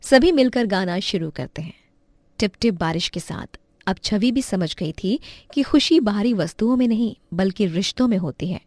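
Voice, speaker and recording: A woman narrating a moral story in a gentle storybook manner. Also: mid-range voice, expressive, normal speed, no room sound, studio quality. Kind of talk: scripted narration.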